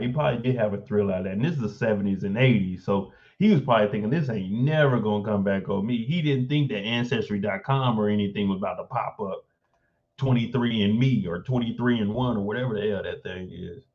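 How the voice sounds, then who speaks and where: A man's voice: lowish voice, brisk, lo-fi sound. A man hosting a casual live stream, reading an article aloud and breaking off to react with blunt, informal asides.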